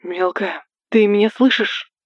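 A woman's voice: medium pitch, fairly even intonation, a little slow, dry recording, highs cut off, close to an everyday voice. A woman reading the part of a selfish, controlling young man who commands and threatens his girlfriend. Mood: anxious. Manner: commanding and menacing, turns coaxing.

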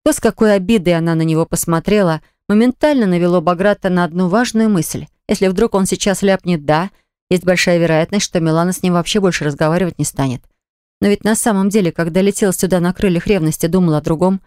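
A narrator who reads a novel aloud at a steady, even pace. The voice is smooth and crisp. It is recorded close on a studio mic, with no room sound. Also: medium pitch, fast talker, dry recording. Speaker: audiobook narrator. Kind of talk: scripted narration of a romance novel.

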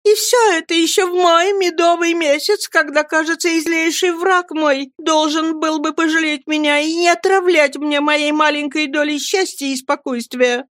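A woman's voice: high-pitched, fairly even intonation, normal speed, few pauses, a bit bright, no room sound, studio quality, voice pushed up. A woman reading aloud voices a young, capricious mother with a whiny, petulant manner.

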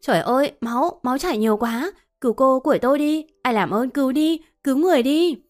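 A woman voicing a quick, eager young maid girl in a storybook reading, raised and pleading. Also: fairly high pitch, faint music behind, lightly acted. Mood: panicked.

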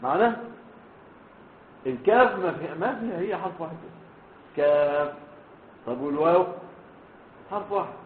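A man with an Egyptian Arabic accent teaching a hadith lesson, spelling out letters slowly and often checking whether his students are following. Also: fairly high pitch, slight background noise. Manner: checks on students with frequent questions. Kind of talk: classroom hadith lecture. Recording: echoey room over a tinny phone-like line.

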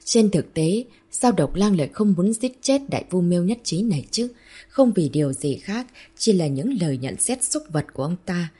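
A woman giving scripted narration of a novel in a steady, even storytelling manner. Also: on the low side, moderate pace, slightly rough. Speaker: audiobook narrator.

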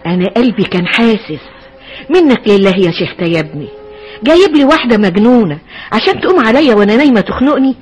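A quick, scolding Egyptian mother. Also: on the high side, big pitch swings, a little mellow, slightly rough. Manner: scolding, exasperated. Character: fussy, scolding mother-in-law, exasperated and superstitious. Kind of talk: 1960s Egyptian radio drama acting.

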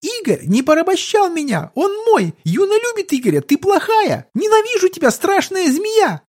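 Storybook monster child: tiny clingy snake girl, very high squeaky whine, put on by a male reader. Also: huge pitch swings, moderate pace, darkish tone, exaggerated voice. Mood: hysterical. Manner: squeaky, whiny childish pleading. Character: small childlike female lamia girl, tearful, clingy.

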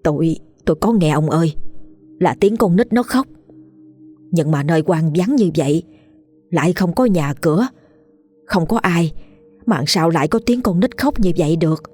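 A woman's voice: lowish voice, lively intonation, normal speed, mellow, soft background music. A woman voicing an anxious, stammering old peasant wife in a ghost story. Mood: scared. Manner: stammering, fearful speech. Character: anxious old peasant wife, sharper than her husband.

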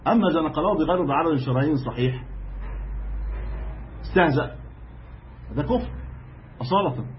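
A man's voice: on the high side, a little hiss or hum. A man with an Egyptian accent teaching a religious lesson as a sheikh, explaining emphatically and often restarting his phrases. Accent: Egyptian Arabic. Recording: dull lo-fi lecture recording.

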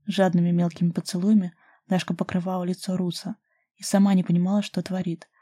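Mellow-voiced woman narrating an audiobook. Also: on the low side, little pitch movement, quick pace, dry recording, studio quality.

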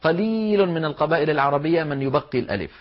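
A male recitation teacher with a fairly high voice leads a careful lesson, breaking each rule down step by step. He pronounces the example words aloud as he goes. The recording sounds dull and lo-fi. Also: expressive, rapid-fire. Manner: methodical explanation, demonstrating each word aloud.

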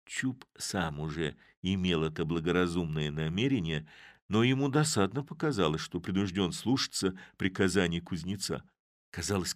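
A man narrating a classic story as an audiobook, with expressive storytelling. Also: low voice, no echo, clean studio sound.

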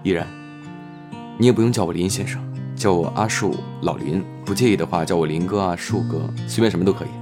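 Over music, a man with a low-pitched voice speaks fast while playing a modest, considerate male minor actor in an audio drama. He is polite, mild, and a little hesitant, with a gentle mood.

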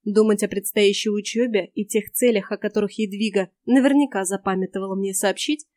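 A woman narrating a first-person audiobook in a lively, expressive reading voice. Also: mid-range voice, brisk, dry recording, clean studio sound.

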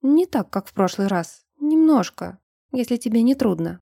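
A woman voicing a young, emotional woman who turns shrill and indignant. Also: lively intonation, normal speed, creaky, dark tone, husky, no room sound, clean studio sound, exaggerated voice. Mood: pleading. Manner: pleading, then shrill and indignant.

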